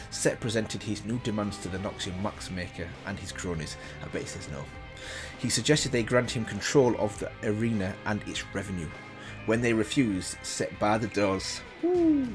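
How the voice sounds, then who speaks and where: Hosting a reaction video, a man whose voice is fairly low reads a story casually. He makes mistakes, catches them, and offers comments as the story unfolds.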